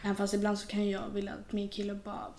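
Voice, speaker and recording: A woman's voice: mid-range voice, slight background noise. A young woman, a podcast guest, talking casually and animatedly, often acting out what people said. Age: young adult. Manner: animated, quotes people in lively voices. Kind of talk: casual conversation. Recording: roomy echo.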